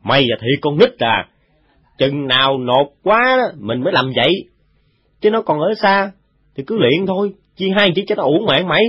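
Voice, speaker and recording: Audiobook: chiding but fond guerrilla fighter, voiced by a man, animated, flat dry sound. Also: fairly high pitch, normal speed, husky. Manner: chiding, explaining. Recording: dull, dry recording.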